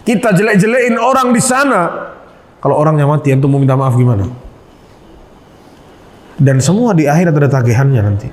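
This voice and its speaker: A male preacher telling a moral story, his voice set high and swinging widely in pitch. He speaks with animation and turns often to address his congregation directly. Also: lively intonation, brisk, long pauses. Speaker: Islamic preacher. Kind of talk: sermon storytelling.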